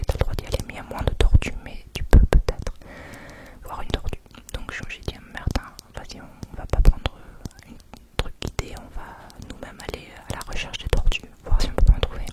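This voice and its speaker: Female ASMR vlogger, hushed whisper for quiet late-night listening, informal and rambling, repeats words softly. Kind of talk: whispered ASMR travel vlog narration.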